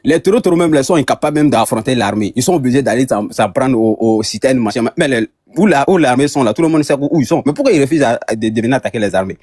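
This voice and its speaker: An Ivorian man arguing in a heated online debate, hesitant with many restarts, turning loud when pushed. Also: medium pitch, expressive, quick pace, hardly any pauses, no echo, studio quality. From Côte d'Ivoire.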